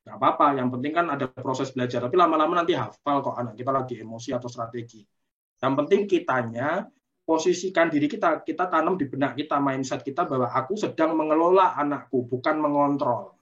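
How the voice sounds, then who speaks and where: A man's voice: mid-range voice, fairly quick, a bit bright, muffled recording. A man giving a webinar talk on parenting, explaining patiently and often checking in with short tags like "you see". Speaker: parenting speaker. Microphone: video call.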